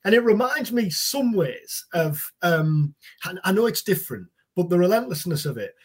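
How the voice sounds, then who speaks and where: A man's voice: high voice, sing-song, normal speed, a little mellow, slightly rough. A man giving casual football analysis as a podcast pundit, repeating words hesitantly as he thinks.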